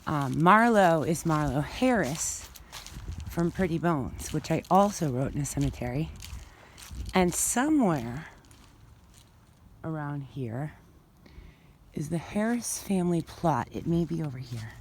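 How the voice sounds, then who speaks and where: An author gives a tour while filming herself on a handheld phone, walking through a cemetery outdoors in winter. Her low voice has lively intonation and an unhurried pace with long pauses, and she thinks aloud loosely with lots of fillers, a bit winded from walking. A faint background noise lingers in this casual walking vlog.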